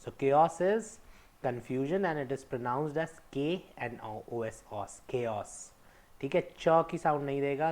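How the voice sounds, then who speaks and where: A young man teaching English pronunciation, stressing each word slowly and setting wrong forms against right ones. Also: medium pitch, darkish tone. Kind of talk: explanatory lesson mixing Hindi and English.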